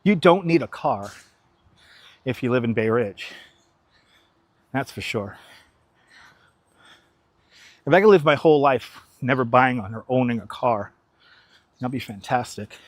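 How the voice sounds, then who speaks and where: A young livestream host from New York City strolls outdoors on city streets, speaking straight to viewers in a chatty, opinionated manner. He has a mid-range voice with lively intonation, a measured pace, and long pauses. Recorded on a wireless clip-on mic, there's no echo.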